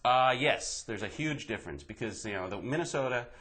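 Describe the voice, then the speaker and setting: Young comedian guy from wisconsin, animated pitch, keeps laughing and doing silly voices. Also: a little fast. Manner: laughs often, slips into mock Midwestern voices. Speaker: comedian guest. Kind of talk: casual comic chat.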